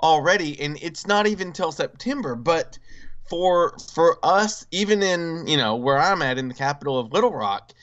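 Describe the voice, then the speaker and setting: Male co-host, casual, eager, halting; smooth voice, muffled audio. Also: a little high, animated, fairly bright tone. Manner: enthusiastic, halting with restarts. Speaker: podcast co-host. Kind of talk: casual chat.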